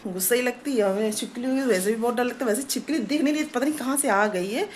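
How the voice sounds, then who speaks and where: This middle-aged woman talks fast in a slightly high voice as she rambles through a casual home vlog, full of filler words. Captured indoors on a phone, the clip has a bit of background noise.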